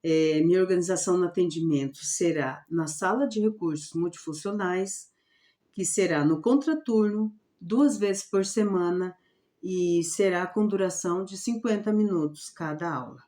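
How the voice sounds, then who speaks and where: Low mellow woman explaining a lesson plan. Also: moderate pace. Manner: repetitive, checks in with "certo?". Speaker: special education teacher.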